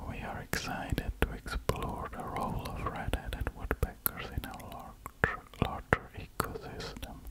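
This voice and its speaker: Slow wildlife watching whisper, male ASMR. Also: rough recording. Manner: slow, hushed, unhurried. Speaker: ASMR host. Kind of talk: whispered ASMR, reading aloud and commenting on a wildlife-watching website. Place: indoors at a computer.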